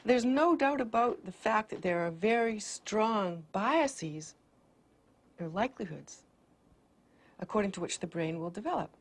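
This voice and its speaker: Husky, creaky-voiced woman scientist. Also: mid-range voice, animated, measured pace. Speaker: brain researcher. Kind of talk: interview answers.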